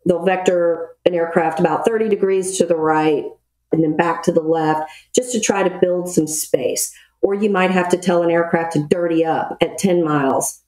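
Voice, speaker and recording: The speaker is a middle-aged woman with a fairly low, warm voice who once served as a Navy air traffic control officer. Interviewed on a podcast, she lays out procedures matter-of-factly, in a retired officer's manner. Her voice echoes as if recorded in a large room.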